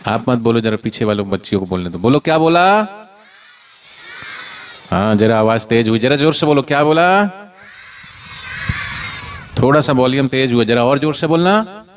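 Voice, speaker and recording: Lively male devotional storyteller. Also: medium pitch. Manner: animated, call-and-response prompts. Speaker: spiritual storyteller.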